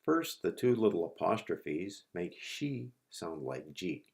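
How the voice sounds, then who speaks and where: A man teaching a language lesson, repeating each word slowly and patiently for learners. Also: low-pitched, very animated, creaky, darkish tone. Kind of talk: slow, patient lesson narration.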